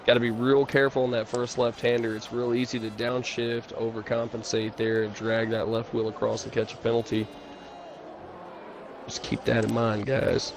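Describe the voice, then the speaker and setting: A man doing relaxed live commentary on a sim racing stream, chatting and reading chat messages aloud. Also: medium pitch, normal speed. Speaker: race commentator. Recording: stream audio with clear background noise.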